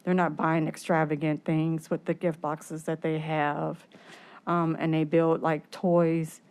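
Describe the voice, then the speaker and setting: A woman speaking through a face mask, a little short of breath, giving halting explanations at a public meeting. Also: deep voice, flat delivery, darkish tone, smooth. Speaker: program staff presenter at a committee meeting.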